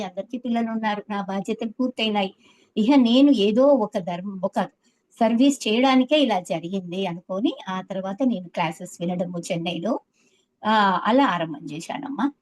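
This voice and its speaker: A woman's voice: mid-range voice, darkish tone, low-quality recording. A woman in her seventies telling a personal story earnestly to an interviewer, acting out the words of others with feeling. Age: 70s. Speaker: meditation teacher.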